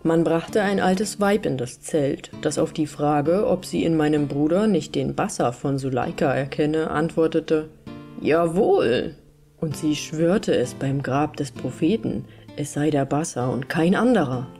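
A woman reading an old fairy tale aloud as an audiobook, with calm, measured narration. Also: low-pitched, faint music behind. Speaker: storyteller.

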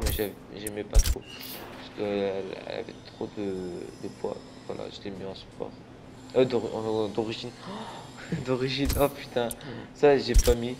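Young male gamer, mid pitch, rambling and tired, stumbles and swears, noisy game sound behind. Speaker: gaming channel host. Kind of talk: casual gameplay commentary. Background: racing game car and engine sounds.

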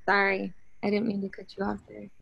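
Young woman moderator on a video call; mid-pitched, measured, articulate. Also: completely flat delivery, gravelly, fairly bright tone, highs cut off, a little hiss or hum.

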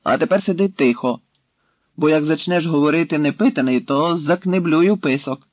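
A man's voice: on the high side, normal speed, no room sound, voice pushed up, close to an everyday voice. A man voicing a stern Cossack leader who questions and threatens a captive in a commanding way, in a dry, slightly dull recording.

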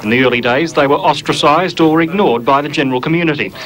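An Australian man narrating a television news feature in a wry, measured voice-over. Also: a little high, fairly bright tone, rough recording. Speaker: television reporter.

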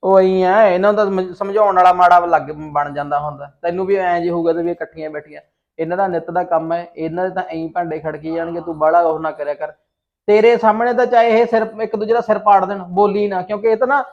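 A man's voice: sits high, lightly acted. A man playing a lecturing village husband in an amateur short film, with a scornful tone. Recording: dull lo-fi sound.

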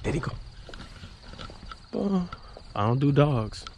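A man's voice: fairly low pitch, moderate pace, a little mellow. A young man vlogging a giveaway, chatty and joking with a nervous edge, talking from inside a car at night. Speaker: YouTuber doing a giveaway. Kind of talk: casual vlog narration. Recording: noisy vlog audio with car noise.

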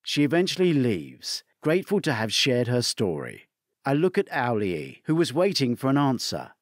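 A man reading a mystery novel aloud in the first person, his pitch rising and falling freely. His medium voice sits close to the mic in a dry, dead space. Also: normal speed, no echo. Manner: expressive storytelling. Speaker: narrator. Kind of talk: first-person audiobook narration.

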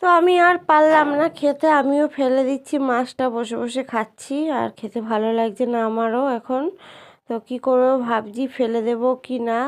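A young woman with a cold, her voice hoarse and heavy, narrates her day to viewers in a casual vlog. She speaks softly and a little downcast, and her pitch sits high. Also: fairly even intonation, normal speed. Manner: soft, subdued voice addressing viewers. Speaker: vlogger.

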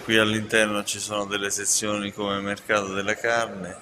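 A travel vlogger with a fairly low pitch talks at normal speed in a flat delivery while touring a large indoor mall on foot. His casual narration is still playful, enthusiastic and teasing, and the mall ambience is noisy.

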